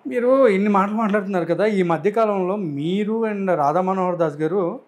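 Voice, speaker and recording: A man's voice: high-pitched, moderate pace, a little mellow. A man interviewing a guest, putting short probing questions.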